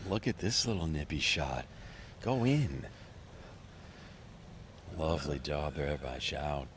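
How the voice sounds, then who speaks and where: A man's voice: a bass voice, takes it slowly, fairly bright tone, slight background noise. A man hosting and giving live golf commentary as a broadcast commentator.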